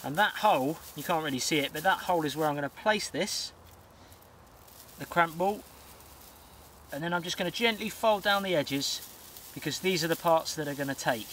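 A young man calmly explaining bushcraft fire lighting step by step while he works, recorded outdoors at a woodland camp on a nearby camera mic. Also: fairly high pitch, a little hiss or hum. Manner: explains steps calmly while working with his hands, pauses to blow on embers. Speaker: bushcraft host. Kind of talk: instructional outdoor vlog.

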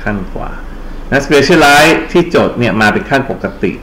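A male tutor with a Thai accent explains English grammar for exam prep, asking questions and answering them himself. His mid-pitched voice carries through a roomy, echoing space with faint background hum. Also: animated, normal speed, fairly bright tone.

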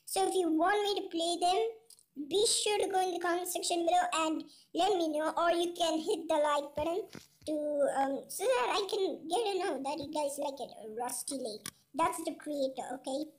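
A gaming channel host talking through a puzzle game in a chipmunk voice effect, chatty and often asking "okay?". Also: moderate pace. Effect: chipmunk voice, sped-up high-pitched filter. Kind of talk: casual let's-play commentary.

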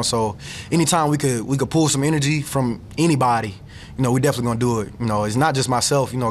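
A man's voice: mid-range voice, a little hiss or hum. A young man, a defensive football player, answering questions casually at a post-game press conference, full of "you know.". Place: press room, seated at table. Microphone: table mic.

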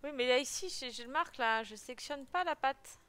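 With soft music in the background, a woman plays a game and narrates it in a high, slightly bright voice at a little faster than usual. She's giggly and chatty, exclaims often, and throws in cute meows now and then.

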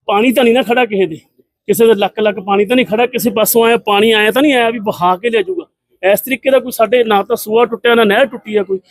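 A middle-aged politician from Punjab, India, gives an impassioned statement to the press in a high voice with a close, dry, echo-free sound. He speaks fast with fairly even intonation, and his manner is combative and scornful, packed with rhetorical questions.

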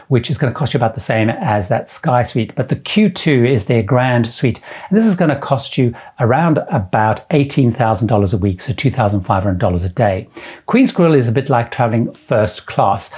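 A middle-aged cruise travel vlogger presents to camera while touring suites, enthusiastically listing features with repeated superlatives. His mid-range voice has a darkish tone and a breathy edge. He's indoors in a room with framed ship posters, on a lapel mic, framed at the chest.

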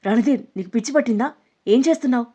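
A woman's voice: on the low side, flat delivery, fast, husky. Woman voicing a scared, defiant young woman. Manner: sharp, shouting, pleading. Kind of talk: storybook narration.

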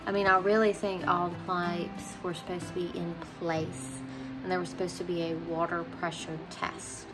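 A woman vlogging her house renovation, talking through her doubts in an uncertain, worried way. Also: on the low side. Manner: uncertain, worried thinking aloud. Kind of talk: casual vlog narration.

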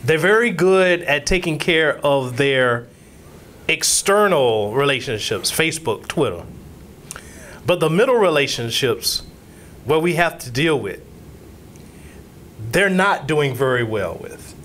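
Dude on a podcast who rambles n restarts a lot, pretty high voice that bounces all over, a bit of faint noise behind. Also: male voice, animated, a little slow, pauses often, fairly bright tone. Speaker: co-host. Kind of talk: casual podcast chat.

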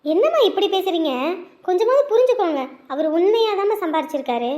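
A woman acting a young daughter who calmly pleads with her mother in a family drama. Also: very high voice, fast. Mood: pleading. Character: young woman, patient daughter defending fiancé.

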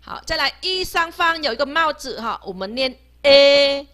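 A woman teaching a beginner language lesson, patiently sounding out each letter slowly, three times over, and ending her phrases with a soft "ha". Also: high voice, big pitch swings. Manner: ends phrases with a soft "ha" tag.

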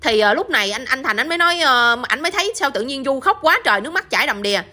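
Chatty Southern Vietnamese woman storyteller, bright and fast-talking. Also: high-pitched, expressive. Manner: chatty, addresses listeners often with tag questions. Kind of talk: casual spoken storytelling.

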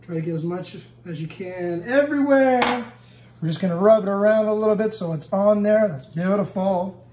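A man's voice: sits high, moderate pace, recorded from a distance, background noise. A middle-aged man hosting a home cooking show, walking through a recipe step by step in an easygoing way and often asking "okay?" while he works in his kitchen. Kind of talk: casual cooking demonstration. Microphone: camera mic at a distance. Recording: echoey kitchen, voice from off-mic.

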